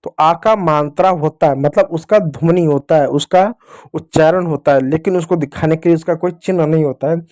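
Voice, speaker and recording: A man's voice: a little high, moderate pace, darkish tone. A man teaching a beginner Hindi reading lesson, patiently repeating key points and talking to his viewers as children while he writes with a pen. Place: teaching at a board or screen with a pen.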